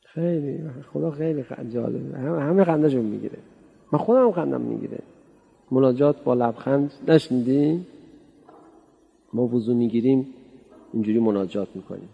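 A man's voice: medium pitch, lively intonation, gravelly, breathy edge, highs cut off. A man giving a sermon in a hall, talking to the crowd in a chatty, playful way and often asking them questions. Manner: conversational, playful, asks the audience questions. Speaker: cleric giving a religious talk. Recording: hall reverb.

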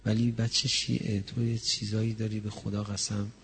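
Male preacher, gravelly voice, impassioned sermon, soft intimate talk to loud lament, faint background noise. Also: lowish voice, level tone. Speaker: preacher reciting a mourning recitation. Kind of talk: religious sermon rising into chanted lament.

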